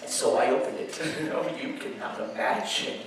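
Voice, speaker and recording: Hushed, sly, and obsessive, this man speaks at a medium, steady pitch close to his everyday voice while portraying a deranged killer who confesses with chuckling glee on stage at an amusement park. The theatrical gothic horror reading is halting and repetitive, shifting from hushed to shouted, and a distant mic captures the echoey venue and faint noise.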